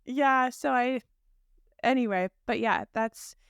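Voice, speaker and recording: A woman co-hosting a podcast tells stories in a laughing, chatty style peppered with fillers, recording casually abroad in a hotel room or similar. She speaks slowly in a slightly high, clean voice, with studio-quality sound and no room echo.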